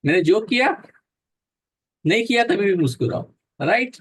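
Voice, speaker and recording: A man's voice: sits high, expressive, moderate pace. A man leading a guided breathing yoga class, counting breaths aloud, mixing Hindi and English, joking and encouraging.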